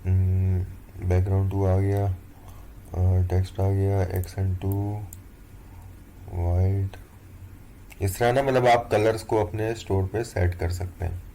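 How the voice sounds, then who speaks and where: A man's voice: low-pitched, slow, pauses often, slight background noise. A young man teaching an online course over a screen recording, talking step by step and checking in often with the viewer. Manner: relaxed, step-by-step, keeps checking in with "theek hai". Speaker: course instructor. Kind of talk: screen-recorded tutorial walkthrough.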